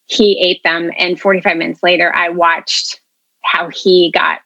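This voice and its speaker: A woman's voice: on the low side, level tone, measured pace, vocal fry, pushed and bright, dry recording. Woman guest telling her story, earnest, lots of um and you know, a bit muffled. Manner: earnest, chatty, many fillers. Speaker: interview guest, food media founder. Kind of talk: casual interview storytelling.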